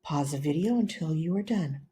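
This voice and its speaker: A woman teacher giving slow, patient, step-by-step instructions for a writing lesson, reading words out one at a time. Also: deep voice, lively intonation, dark tone.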